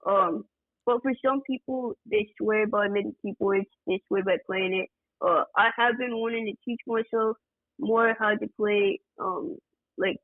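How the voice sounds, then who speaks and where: A man from Georgia speaks as a podcast guest in an unhurried, rambling way, leaning on fillers as he explains. His voice arrives over a tinny, phone-like line. There is no room sound around it at all. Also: high-pitched, no echo. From Georgia, USA. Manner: relaxed, rambling, many fillers like "like" and "you know". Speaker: guest music producer. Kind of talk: casual interview chat.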